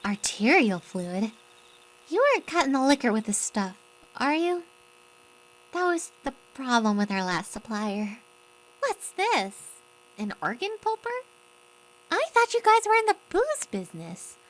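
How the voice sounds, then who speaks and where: Woman voicing a high, bouncy young bootlegger girl. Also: sing-song, unhurried, pauses often, rough recording. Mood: cheeky, curious. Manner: perky, cheeky, inquisitive. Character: plucky, brash young college-age woman bootlegger. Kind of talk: animated fan dub acting.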